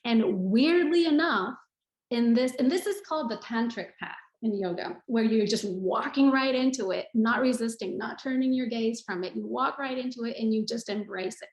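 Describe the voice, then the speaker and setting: A woman's voice: a little high, moderate pace, echoey room, poor audio. A woman giving an earnest online talk on yoga, repeating phrases for emphasis like a teacher. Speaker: yoga speaker. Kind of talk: online talk with screen share.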